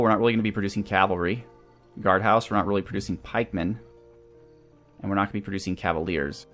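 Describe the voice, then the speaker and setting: A gaming series host with a deep voice and fairly bright tone plays through a video game with background music behind him. He speaks casually, reasoning aloud as he weighs what to do.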